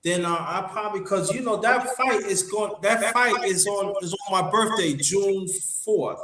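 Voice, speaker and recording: A man chatting on a live stream, halting and full of fillers. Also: high voice, fairly bright tone. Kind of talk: casual live-stream chat. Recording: echoey room, faint noise.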